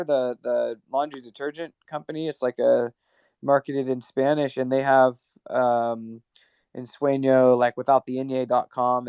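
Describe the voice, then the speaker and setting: A man hosts a casual online audio chat, rambling loosely with lots of fillers. His medium-pitched voice is a little mellow, clear and resonant with no room sound, though the remote call audio is dull and lo-fi.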